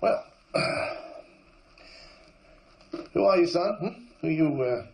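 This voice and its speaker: An actor playing a stubborn small-town police captain who talks in a drawling, homespun way. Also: male voice, fairly high pitch, moderate pace, gravelly. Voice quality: drawling, homespun turns of phrase.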